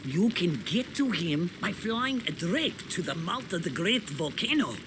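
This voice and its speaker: Slow, swooping wizardly mentor. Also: male voice, high voice, very animated. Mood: pondering, resolute. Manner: dramatic, deliberate. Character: earnest, worried mentor guiding a young wizard. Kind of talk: video game character acting. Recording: clear background game noise.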